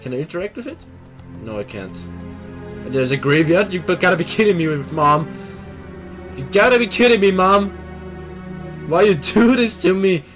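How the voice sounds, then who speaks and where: With soft background music playing, a young Austrian man hosts a let's play from a small room at his computer, using a headset mic. He's excitable and energetic in his reactive commentary, speaking at a fairly high pitch, swearing and laughing quickly, and reading game text aloud.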